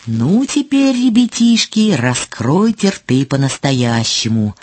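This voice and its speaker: A woman's voice: sits low, big pitch swings, slow pace, darkish tone, slightly rough, no echo, voice pushed down, exaggerated voice. A woman voicing a crowd of grumpy forest mushrooms in a storybook, scolding and squealing. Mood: kindly. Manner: angry scolding chorus.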